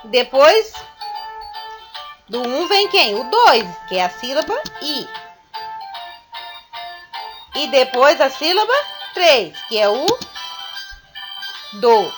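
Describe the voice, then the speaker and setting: A woman teaching a recorded class to young children, explaining slowly and patiently step by step. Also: sits high, sing-song, over music. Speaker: primary school teacher. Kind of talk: recorded remote class lesson.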